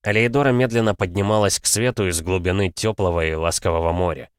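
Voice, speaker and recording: A man reading fantasy narration for an audiobook in a steady, measured way. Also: deep voice, clear, resonant tone, no room sound, studio quality.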